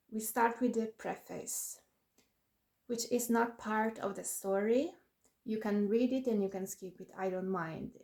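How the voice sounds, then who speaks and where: A woman's voice: medium pitch, a little mellow. A woman author chatting casually to camera about her new book, laughing often and making self-deprecating asides.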